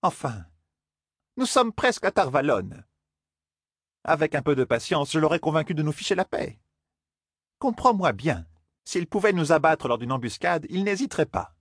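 A man voicing a stern older sorceress who lectures her young charges, in a husky voice for an audiobook. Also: a little high, very animated, moderate pace, long pauses, no room sound, clean studio sound, pitched above the performer's own voice. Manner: scolding, lecturing. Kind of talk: audiobook character voice.

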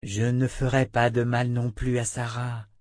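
A man voicing a gentle adult woman traveler, soft and reassuring, in an audiobook. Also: sits low, animated, a little slow, no room sound, clean studio sound, pitched above the performer's own voice. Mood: soothing.

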